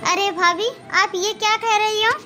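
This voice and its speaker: Woman as outspoken cartoon daughter: high, bright, frank, persuasive. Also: steady tone, normal speed. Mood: encouraging. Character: outspoken young daughter, fair-minded and frank. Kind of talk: cartoon moral-story dialogue.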